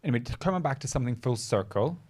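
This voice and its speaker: Male podcast host, mid-pitched, very animated intonation, informal interview chat. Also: racing.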